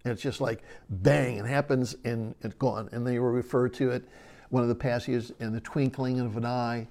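A man teaching a sermon on a Bible passage, earnest and explanatory, slowing down to stress key words. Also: medium pitch, fairly even intonation, gravelly, a little mellow.

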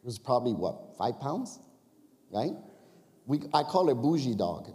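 A man's voice: mid-range voice, sing-song, unhurried, dark tone. A male pastor preaching a sermon to his church, telling a personal story in a chatty way with frequent "right?" and "you know?" asides. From Chicago area. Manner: conversational storytelling with confessions and crowd asides. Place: church sanctuary. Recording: long reverb of a church hall.

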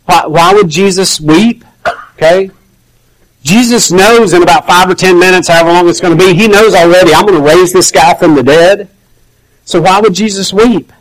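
Conversational preacher, fairly high male voice. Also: normal speed, low-quality recording. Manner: conversational, acts out quoted voices. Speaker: pastor. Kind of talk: sermon.

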